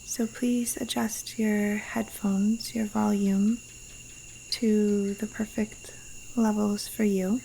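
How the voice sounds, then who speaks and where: Leading a yoga nidra guided meditation outdoors in the Costa Rican jungle, a woman speaks in a soothing, breathy hush at a medium pitch with little movement. She leaves long pauses between lines. In the rough recording, crickets, insects and rainforest wildlife murmur faintly.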